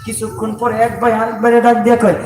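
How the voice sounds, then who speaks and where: Shouting preacher. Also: male voice, extremely high pitch, monotone, racing. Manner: shouted, sing-song preaching, rhetorical questions. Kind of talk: Islamic sermon storytelling. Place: outdoor gathering by a busy road. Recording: echoey distant loudspeaker outdoors with traffic noise.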